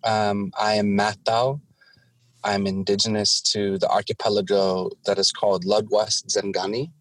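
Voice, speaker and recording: A man from the Pacific Northwest of the United States speaking as a guest artist in an interview, explaining things in a deliberate, measured way. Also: lowish voice, level tone, dry recording. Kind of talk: interview talk with self-introduction.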